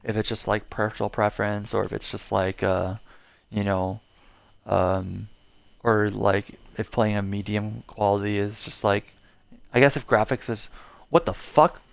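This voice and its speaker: A young man talks through his gameplay in a casual, meandering way, stacking fillers and restarts. His voice sits a bit low and comes through smooth and resonant. The recording is dry and close, with no room sound. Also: flat delivery, unhurried, no echo. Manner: rambling, lots of fillers and swearing. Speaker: gaming video creator.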